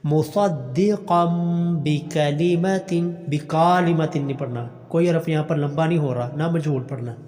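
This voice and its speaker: A man teaching a Quran recitation class sings each verse slowly and at length, then breaks off to explain the pronunciation in brisk, patient speech. His voice sits a little high for a man. A long reverb trails after his words. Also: mellow, soft background music. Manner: patient, repeats and corrects.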